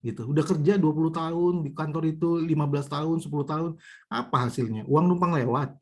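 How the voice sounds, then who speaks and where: A man's voice: on the high side, a little mellow, breathy edge. A man giving a conversational motivational business talk, telling stories and addressing the audience directly, with a lot of repetition. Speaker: business trainer.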